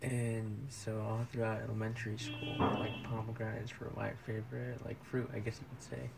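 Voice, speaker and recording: A man with a low, gravelly voice and a flat, even delivery tells a casual story. He pauses often and fills gaps with relaxed filler words. Steady background noise sits behind him. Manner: laid-back, halting, many fillers. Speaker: storyteller in a short clip. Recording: noisy background ambience.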